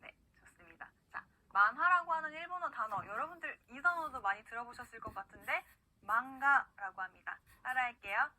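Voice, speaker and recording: A woman with a high, very bright voice leads a recorded online pronunciation lesson. She speaks patiently and says each word slowly so a learner can copy it. Her delivery is clear, instructive and encouraging. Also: rough recording. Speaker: language teacher.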